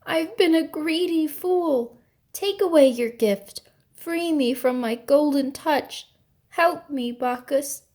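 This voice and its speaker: A woman voicing a greedy, excitable king in a storybook myth, exclamatory and dramatic. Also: a little high, slow pace. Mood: desperate, pleading.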